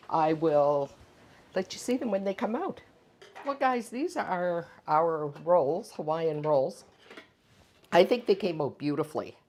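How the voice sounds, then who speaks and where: A woman with a low voice hosts a casual home baking video. She talks in a relaxed, chatty way, thinking aloud with little fillers and tasting her bread between sentences. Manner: tastes food while talking. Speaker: home baking channel host. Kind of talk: casual cooking vlog.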